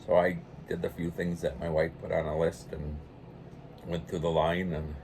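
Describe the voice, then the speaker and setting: An older man telling a meandering story in a quiet, low-key way, with lots of restarts. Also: level tone, normal speed, a little hiss or hum. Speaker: pipe-smoking channel host. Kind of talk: casual rambling anecdote.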